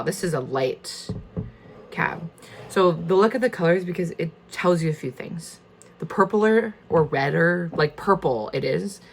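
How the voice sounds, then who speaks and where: A woman's voice: deep voice, husky. A woman talking casually and informally through a tasting, thinking aloud in a tentative, conversational way. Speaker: wine tasting host. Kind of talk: casual chatty wine tasting.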